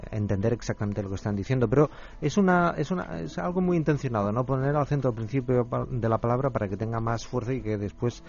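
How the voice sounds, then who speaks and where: A man's voice: medium pitch, fast talker, gravelly, a little mellow, muffled recording. A man speaking as a guest expert in a radio discussion, thoughtful and hesitant.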